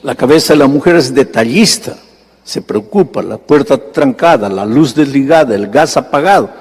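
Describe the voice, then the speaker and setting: A male pastor delivering a sermon, telling a story and acting out the dialogue, his voice jumping high in animated bursts. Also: normal speed, breathy edge. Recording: long hall reverb.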